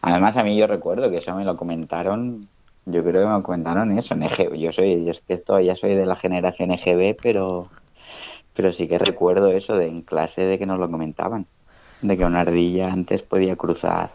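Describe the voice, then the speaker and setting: Deep monotone guy in his 30s on a podcast, thoughtful, muffled dry recording. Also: brisk, creaky, no room sound. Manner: thoughtful, many "¿no?" tags. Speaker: guest researcher. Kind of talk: casual podcast conversation. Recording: dull, dry lo-fi sound.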